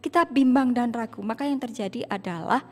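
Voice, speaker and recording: A woman teacher with a fairly high voice tells a Bible story to schoolchildren, dropping "ya" tags between phrases and acting out the characters' cries. Her voice rings with a long reverb, as if she is in a school hall. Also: fairly quick, slight background noise. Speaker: teacher leading school worship. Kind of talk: children's Bible story sermon.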